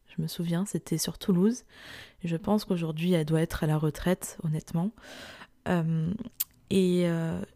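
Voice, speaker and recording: A woman's voice: fairly low pitch, mellow, no echo, studio quality. A young woman with a morning voice, hosting a solo podcast in an informal, reflective storytelling style, speaking directly to the listener. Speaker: podcast host, entrepreneur and part-time lecturer.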